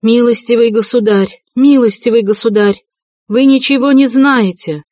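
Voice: steady tone, measured pace, no room sound, natural voice. A reader voicing a proud, frantic impoverished widow, raised and strained, in an audiobook reading. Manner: haughty then shrill and desperate.

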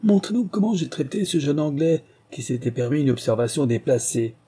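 A man reading the part of an arrogant, brutal man posing as a prince, loud and threatening. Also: on the high side, a little fast, slightly rough, voice pushed up.

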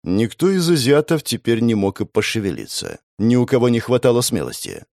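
Male audiobook narrator, tense and dramatic first-person reading, very expressive pitch. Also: fairly quick, creaky, no room sound, clean studio sound. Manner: dramatic, tense, voices the lines with emotion.

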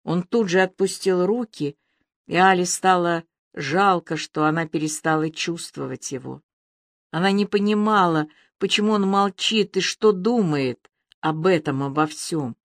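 A woman narrating an audiobook in an even, measured reading. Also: lowish voice, no echo, studio quality.

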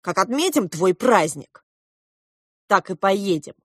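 A woman reading aloud, voicing a calm, sly young boy prince in a measured, matter-of-fact way. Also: mid-range voice, slightly rough, no room sound, studio quality, full character voice.

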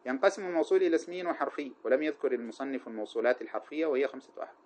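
Fast-talking male grammar teacher. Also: mid-range voice, animated, a little mellow. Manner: asks rhetorical questions and answers them himself; recites verse lines and Quran passages. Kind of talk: classroom explanation of a grammar text.

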